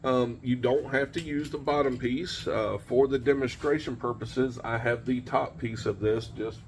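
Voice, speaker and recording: With a mid-range voice, fairly even intonation and normal speed, a forties-aged host of CB radio tips videos gives a plain, informal demonstration outdoors. He stands in a home driveway beside a pickup truck and keeps repeating key points, with slight background noise in the recording.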